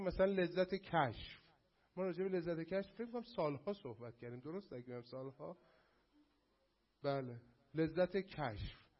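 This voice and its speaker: A man giving a lively lecture to a class, addressing the students directly and acting out quotes to make his point. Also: sits high, dull audio. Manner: animated, addresses the class, acts out mocking quotes.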